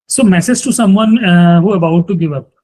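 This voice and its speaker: A man's voice: high-pitched, fairly quick, mellow. A man hosting an interview, delivering prompts and scripted remarks. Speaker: interview show host.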